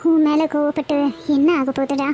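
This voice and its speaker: A woman's voice: high-pitched, level tone, fairly quick, warm tone, soft background music, natural voice. A woman voicing a caring old grandmother in a cartoon, who speaks soothingly. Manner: soothing, reassuring.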